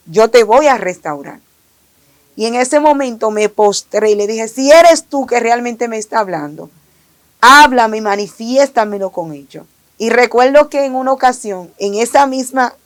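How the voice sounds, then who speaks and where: A woman tells her personal faith testimony in an earnest, emotional way. Her voice sits a little higher than most women's. She often circles back and repeats her own phrases. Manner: earnest, repetitive, emotional retelling. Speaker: testimony giver.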